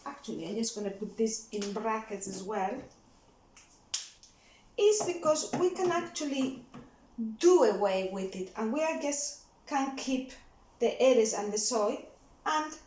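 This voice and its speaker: A woman's voice: fairly high pitch, animated, a little slow, darkish tone, a little hiss or hum. A woman teaching a language lesson, explaining patiently step by step. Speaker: Spanish tutor. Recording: roomy echo.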